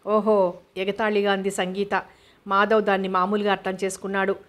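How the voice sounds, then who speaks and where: A woman reads a novel aloud in an even, steady manner. Her pitch stays flat and level, sitting in the middle of a woman's range. The delivery is calm audiobook narration. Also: brisk. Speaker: novel reader.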